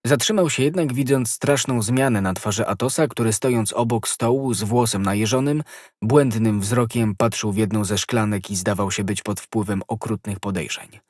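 A man narrating an audiobook in a measured, dramatic reading. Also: fairly low pitch, a little mellow, husky, no room sound, studio quality.

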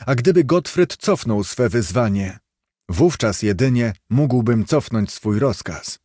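A man voicing a stern, dignified king who speaks gravely and with command in a storybook reading. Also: medium pitch, expressive, measured pace, mellow, no room sound, clean studio sound.

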